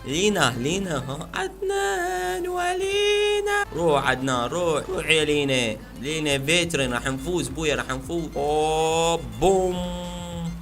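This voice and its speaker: A man commentating his own gameplay, shouting, chanting and making silly sound effects. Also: on the high side, moderate pace, music in the background. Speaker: gaming video host.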